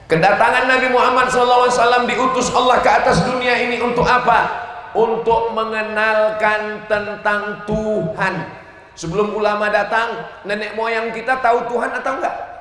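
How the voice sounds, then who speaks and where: A man's voice: high-pitched, a bit bright. A man preaching to a large crowd at an outdoor gathering, asking the audience questions, chanting Arabic phrases and joking between points. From Indonesia. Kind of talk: lively sermon to a crowd. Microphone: loud sound system. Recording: very echoey, reverberant, slight noise.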